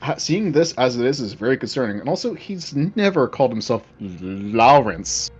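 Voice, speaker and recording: A man's voice: mid-range voice, very animated, brisk, a little mellow, husky. Guy game-mastering a horror tabletop game, rambly, muffled lo-fi audio, faint music behind. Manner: loose, rambling, lots of fillers and restarts.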